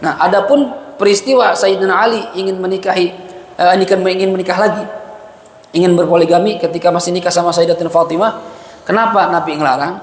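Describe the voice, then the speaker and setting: A man's voice: high voice, steady tone, quick pace. A male religious teacher giving a chatty, colloquial lecture that mixes Arabic citations with casual slang and light chuckles. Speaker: ustadz teaching a mosque study session. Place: mosque hall. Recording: echoey mosque hall, faint background hiss.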